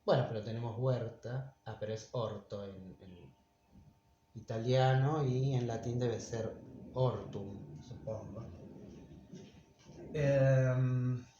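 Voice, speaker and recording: Slow, musing male teacher in an echoey room. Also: medium pitch, dark tone. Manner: unhurried, thinks aloud with many fillers. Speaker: Spanish teacher. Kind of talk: casual video lesson. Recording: echoey room, dull sound, faint noise.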